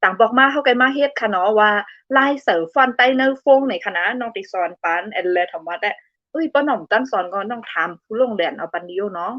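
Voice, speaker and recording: A woman's voice: medium pitch, lively intonation, fast, dry recording, highs cut off. A young woman hosting a casual live stream, reading out viewer comments in a playful, giggly way. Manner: giggly and playful, laughs often between remarks.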